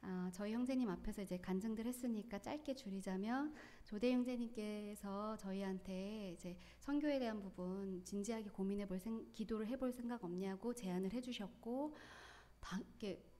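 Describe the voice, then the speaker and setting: A woman's voice: medium pitch, dark tone. A woman in her forties with a Gyeongsang accent, giving an earnest, emotional personal testimony at church. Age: 40s. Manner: earnest, tearful, quick bursts of feeling.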